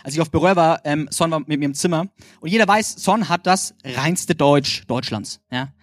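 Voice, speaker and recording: A young man from Franconia with a Franconian German accent, preaching a sermon in an energetic, animated way, often calling out "hey" and asking "ja?". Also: a little high, moderate pace, no room sound.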